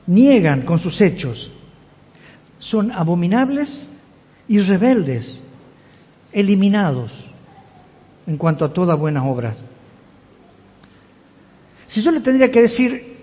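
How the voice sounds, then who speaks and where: A man, a pastor giving an expository sermon and emphatically asking the congregation questions. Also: high voice. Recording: reverberant hall, dull lo-fi sound.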